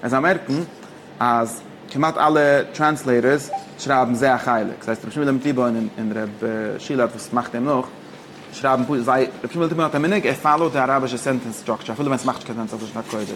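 Halting man teaching. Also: mid-range voice, fairly bright tone, a little hiss or hum. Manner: halting, mixes languages, many fillers and restarts. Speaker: teacher of religious texts. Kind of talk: informal text study lesson.

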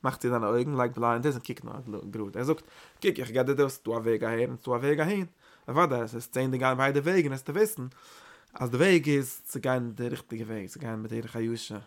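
A man with a gravelly voice teaching a Torah lecture at an ordinary pitch. He pushes out points in loud, emphatic bursts, then repeats and rephrases them with small hesitations. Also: a little fast.

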